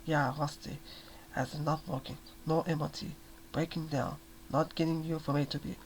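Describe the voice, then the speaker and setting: A quiet, menacing young man, as a male reader puts him on, cold and dismissive, talking soft and low. The voice sits slightly high with a gravelly edge. It is a soft-spoken ASMR reading with a faint hum behind it. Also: level tone, moderate pace, close to an everyday voice.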